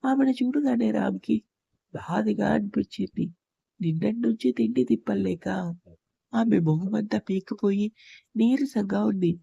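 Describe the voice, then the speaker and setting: A woman narrating an emotional love story in a steady storytelling manner. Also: mid-range voice, moderate pace, vocal fry, husky, no echo. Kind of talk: scripted audio-story narration.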